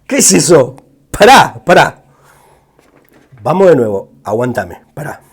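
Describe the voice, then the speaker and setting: A man with an Argentine accent giving music reaction commentary, excitable and repeating words in quick bursts. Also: mid-range voice, husky. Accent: Argentine Spanish.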